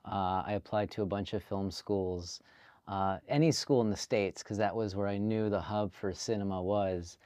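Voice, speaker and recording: A filmmaker from Canada talks through his story in a casual interview. His voice sits low and sounds smooth and resonant. The recording is dry and close. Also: moderate pace, dry recording. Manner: relaxed storytelling, chatty with fillers. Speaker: guest filmmaker.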